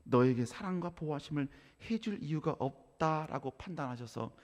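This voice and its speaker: A middle-aged male pastor preaching a sermon in a church sanctuary. He speaks emphatically, keeps addressing the congregation directly and swells into shouting. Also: on the high side, lively intonation, normal speed. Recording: long hall reverb.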